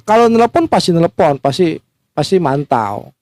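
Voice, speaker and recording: Easygoing man with a higher voice. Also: sing-song, unhurried, a little mellow, no echo. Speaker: guest, siomay seller. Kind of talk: casual podcast chat.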